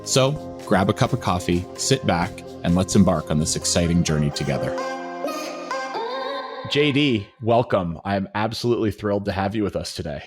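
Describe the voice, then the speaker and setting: A middle-aged man hosts a podcast with a fairly low voice and an upbeat, enthusiastic delivery. Faint music plays softly behind him. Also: lively intonation, normal speed, breathy edge. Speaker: podcast host. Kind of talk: scripted intro then interview.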